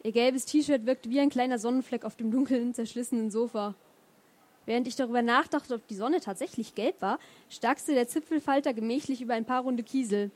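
Brief: slightly high-voiced woman, first-person novel reading, hesitant between passages. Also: a little mellow. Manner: hesitant fillers when talking freely. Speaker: reader of a novel. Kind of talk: reading a novel aloud with comments.

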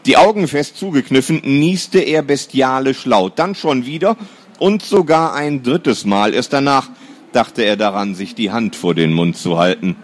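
A man narrating a children's story in a lively storytelling manner. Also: mid-range voice, a little slow. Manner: lively storytelling, swings between lifted and dropped tones.

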